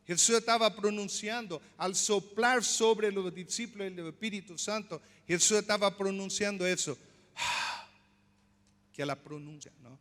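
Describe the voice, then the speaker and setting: A male pastor preaching a sermon, explaining slowly, repeating words and asking the congregation questions. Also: high voice, fairly bright tone, in a large hall. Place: church.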